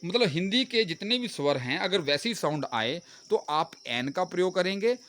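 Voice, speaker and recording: Man, teacher, animated rising and falling pitch, faint crickets behind. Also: moderate pace, slight background noise. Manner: explains step by step, asking and answering his own questions. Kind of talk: grammar lesson.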